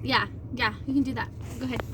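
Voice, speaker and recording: A high-voiced woman chats casually as a mother with her children. She coaxes and encourages them in short urging phrases, with clear background noise around her. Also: fairly even intonation, fast talker. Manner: coaxing, encouraging. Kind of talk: casual family chat.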